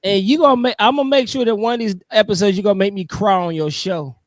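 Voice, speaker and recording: A man's voice: high-pitched, fast, no echo. A middle-aged man and military veteran, a podcast guest speaking casually and enthusiastically, often repeating phrases for emphasis. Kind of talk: casual chat.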